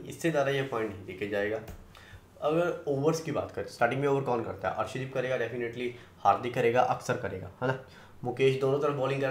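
A man giving fantasy cricket team tips in fast casual talk, confident, often checking in with his listeners. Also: mid-range voice, echoey room. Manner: rapid, confident, keeps tagging "है ना" and "दोस्तों".

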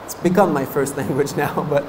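A fairly high, darkish voice with a steady tone and slightly fast delivery belongs to a monk in his thirties giving a dharma talk, and a little hiss or hum can be heard. French is his first language, he comes from French-speaking Canada, and his talk at the meditation course is chatty, full of laughter between fillers. He uses his hands as he speaks, seated before a banner in a meditation hall at a stand mic.

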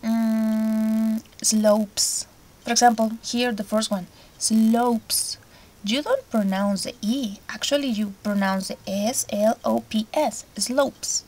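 A woman's voice: fairly high pitch, steady tone, takes it slowly, a little mellow. A woman teaching an English lesson to children, explaining each step patiently. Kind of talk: recorded remote lesson.

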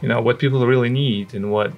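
A man's voice: medium pitch, steady tone, fairly quick, gravelly, faint music behind. A man in his forties from Russia with a Russian accent, recalling his life conversationally as an interview guest, close to a studio microphone. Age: 40s. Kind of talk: conversational personal recollection. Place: indoor studio. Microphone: microphone on a stand, close.

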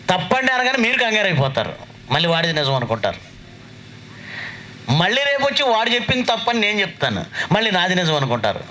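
Man, pastor, emphatic sermon, rhetorical questions, slightly high, bright voice. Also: low-quality recording.

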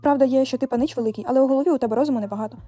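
A woman voicing a cunning, unhurried male hedgehog in a storybook reading, fast and warm. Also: sits high. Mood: scheming. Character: sly calm male hedgehog, crooked-legged and clever.

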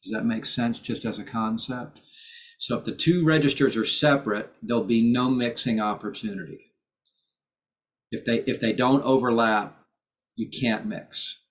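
A man's voice: medium pitch, normal speed. Man teaching voice over a video call. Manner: patient, explanatory, with sung demonstrations. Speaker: choir director and voice teacher. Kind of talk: online rehearsal vocal instruction.

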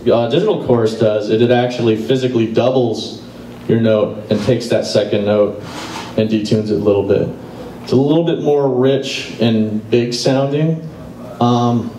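A man's voice: medium pitch, dark tone, a little hiss or hum. A middle-aged man giving a casual live guitar clinic in a music store, speaking into a handheld mic and explaining as he plays. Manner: casual and explanatory, pausing to play examples. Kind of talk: live demonstration talk. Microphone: handheld microphone. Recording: roomy live sound from a distance. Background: guitar playing.

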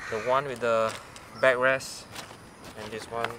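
Laid-back male fishing vlogger, slow easygoing talk, loud outdoor noise behind. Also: medium pitch. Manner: relaxed, unhurried, thinking aloud. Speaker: fishing channel host. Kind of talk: casual vlog narration.

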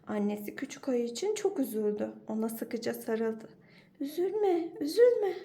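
A woman teacher reading a children's storybook aloud in an expressive, animated way. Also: fairly high pitch, moderate pace.

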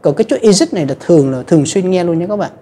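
A woman's voice: fairly low pitch, racing, mellow. A woman teaching an English grammar lesson in a chatty, casual way, often addressing her viewers directly. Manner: chatty, repeats "các bạn" and "ha".

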